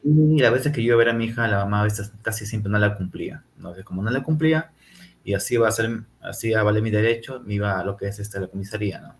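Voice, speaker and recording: A Peruvian-accented man speaks as a guest on a television interview, telling his story in halting stretches. He keeps tacking on little tag questions, and his voice sits fairly low. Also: a little hiss or hum. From Peru. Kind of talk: TV interview testimony.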